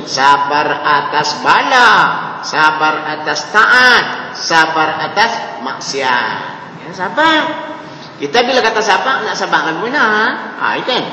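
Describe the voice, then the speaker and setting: Animated Northern Malaysian preacher in an echoey hall. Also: male voice, on the high side, slight background noise. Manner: animated, rhetorical questions with frequent "ha, kan?". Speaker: religious teacher. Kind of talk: mosque lecture. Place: mosque hall. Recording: echoey hall with faint ambience.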